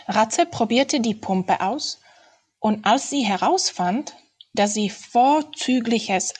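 A woman reads a children's fairy-tale novel aloud at an unhurried pace. Her delivery is deliberate and steady, in a storytelling manner. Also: medium pitch, breathy edge. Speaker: reader. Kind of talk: audiobook-style reading of a children's novel.

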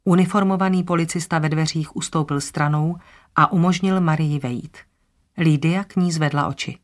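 A narrator reading an audiobook in an even way. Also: medium pitch.

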